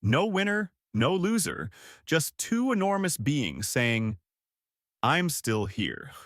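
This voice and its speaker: Guy narrating a nature doc, calm and wry, swoops up and down a lot, dry close mic. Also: on the high side, takes it slowly, no echo. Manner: calm and wry, speaking to the listener as "you". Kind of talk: scripted nature documentary narration.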